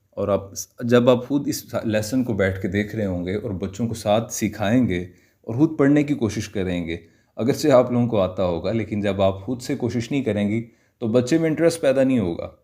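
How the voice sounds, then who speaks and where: Pakistani male Quran teacher, low-pitched, patient slow syllable drilling for online class. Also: mellow. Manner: spells out syllables slowly and clearly, mixing Urdu and English.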